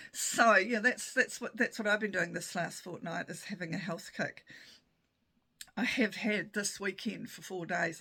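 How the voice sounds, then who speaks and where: Gravelly-voiced New woman, chatty. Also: medium pitch, sharp tone. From New Zealand. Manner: chatty, self-mocking, breaks into laughter. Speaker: podcast host. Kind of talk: casual chat.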